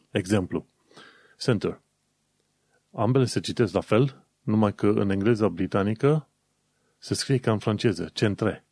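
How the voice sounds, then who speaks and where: A man's voice: lowish voice, darkish tone, dry recording. A young man from Romania, chatting casually as a host, thinking aloud with fillers and self-corrections. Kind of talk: casual commentary.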